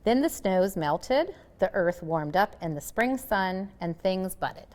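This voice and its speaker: Female picture-book reader, animated and dramatic, with very varied intonation. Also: medium pitch, slow pace. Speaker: storybook reader. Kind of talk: expressive scripted narration of a children's picture book.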